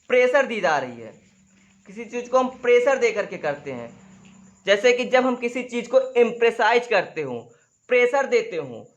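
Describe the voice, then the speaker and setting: A man teaching English grammar in a lesson, who keeps calling the viewers "friends", asks if they follow, and spells out example sentences slowly, word by word. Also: high voice, muffled recording. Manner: repeats "dosto" and "theek hai" constantly, drawing on a board. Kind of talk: classroom-style grammar lesson.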